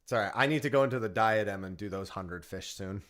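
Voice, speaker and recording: A man's voice: fairly low pitch, fast, a bit bright. A man hosting a stream, talking casually in a group voice chat. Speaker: stream host.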